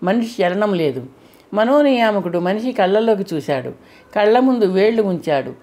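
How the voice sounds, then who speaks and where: A woman reading an audiobook aloud, narrating a mythological novel in steady, measured storytelling. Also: medium pitch. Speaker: audiobook reader.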